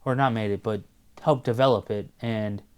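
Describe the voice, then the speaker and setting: A man's voice: fairly low pitch, steady tone, moderate pace, a little mellow, clear, resonant tone. A man in his forties co-hosting a podcast, chatting casually with a rambling, enthusiastic manner and sometimes losing his train of thought. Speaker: podcast co-host. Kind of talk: casual chat.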